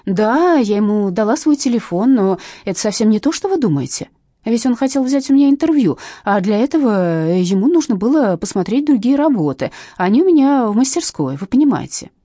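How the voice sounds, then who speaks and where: A woman's voice: on the high side, sing-song, a little fast, dark tone, no room sound, studio quality, pitched above the performer's own voice. A woman reading a stammering, flustered young artist.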